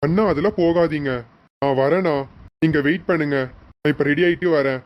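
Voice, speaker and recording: A man's voice: fairly high pitch, fairly quick, highs cut off, close to an everyday voice. A man playing an injured young husband in a homemade serial, speaking emotionally and repeating names. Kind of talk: hobby serial acting.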